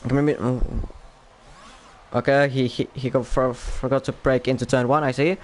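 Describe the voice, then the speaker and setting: A man's voice: mid-range voice, little pitch movement, moderate pace, a little hiss or hum. A young man with a Polish accent commentating a sim racing league qualifying session live, thinking aloud between laps and lifting sharply whenever a lap time lands. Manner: lifts sharply and speeds up on lap times, otherwise thinks aloud. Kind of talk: live esports race commentary.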